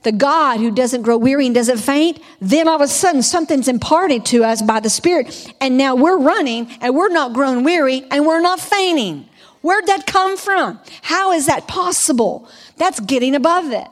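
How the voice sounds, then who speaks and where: A woman preacher giving a sermon, reading scripture aloud and then exhorting her listeners in an animated way. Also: high-pitched, normal speed, hardly any pauses, long reverb tail.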